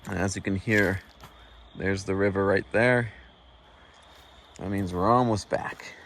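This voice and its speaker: Gravelly low-voiced man hiking outdoors. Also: fairly even intonation, a bit bright, slight background noise. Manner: chatty, unhurried, with fillers. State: a little out of breath. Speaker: hiker filming his walk. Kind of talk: casual narration while hiking. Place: wooded mountain trail outdoors. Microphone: handheld phone.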